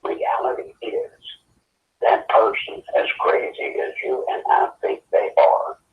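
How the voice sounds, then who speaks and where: A man's voice: fairly low pitch, recorded from a distance. Man on a tinny speakerphone. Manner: earnest, pleading, urgent. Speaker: guest caller. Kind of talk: casual talk. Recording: tinny phone line on speaker, roomy, faint noise.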